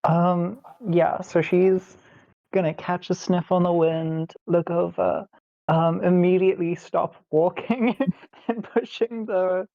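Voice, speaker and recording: Brief: unhurried, gravelly player voice, dark tone, slightly dull recording. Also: medium pitch, fairly even intonation. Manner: slow, hesitant with fillers. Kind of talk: casual tabletop game talk.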